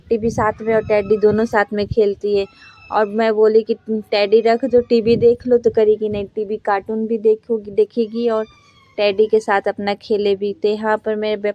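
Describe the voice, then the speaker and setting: A woman's voice: mid-range voice, warm tone, dry recording. A young woman narrating her household routine in a plain, homely, rambling voice-over. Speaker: vlogger, homemaker. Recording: dull, lo-fi voice-over.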